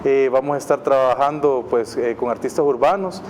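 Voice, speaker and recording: A Salvadoran man speaking as a guest on a TV interview, in a middle-pitched voice. He talks with enthusiasm and rambles, padding his sentences with fillers. Faint background noise sits under him. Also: normal speed, darkish tone. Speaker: guest, city mayor. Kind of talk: casual TV interview.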